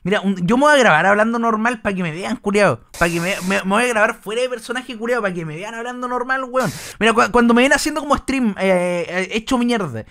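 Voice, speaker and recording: High-voiced Chilean man streaming, crude slang. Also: fairly bright tone. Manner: crude slang-heavy rapid rambling, exaggerated put-on internet voice. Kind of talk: casual livestream reaction chat.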